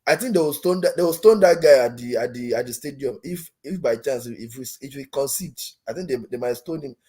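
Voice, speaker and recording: A man's voice: mid-range voice, expressive, brisk, mellow, breathy edge. A man with a Nigerian accent chatting casually about football as a fan, often repeating phrases for emphasis. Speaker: call-in guest, football fan.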